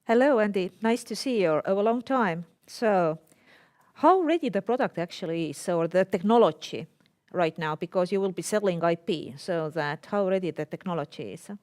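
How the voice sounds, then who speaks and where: Female pitch judge, lower register, unscripted questioning. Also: animated, moderate pace, darkish tone.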